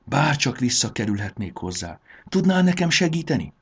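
A man's voice: medium pitch, very animated, creaky, husky, voice pushed up, exaggerated voice. A man voicing a fussy, lonely math notebook that misses its schoolboy owner. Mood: eager.

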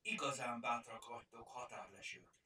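A man voicing a kind, brave young girl in a storybook, speaking gently and earnestly. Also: mid-range voice, a little hiss or hum. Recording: roomy, distant mic.

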